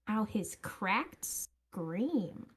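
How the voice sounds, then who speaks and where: A woman's voice: medium pitch, big pitch swings, extremely slow, slight background noise. A tipsy woman putting on a Valley Girl accent to read a smug teenage girl's diary aloud for comic effect. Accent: Valley Girl put-on. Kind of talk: comic dramatic reading.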